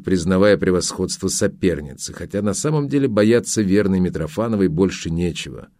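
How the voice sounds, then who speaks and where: Low-voiced male audiobook narrator. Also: warm tone, dry recording, studio quality. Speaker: audiobook reader. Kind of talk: scripted narration.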